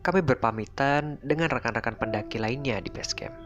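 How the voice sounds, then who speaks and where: A man narrating a first-person horror story in a relaxed, conversational way. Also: medium pitch, fairly quick, muffled recording. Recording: faint music underneath. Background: faint background music.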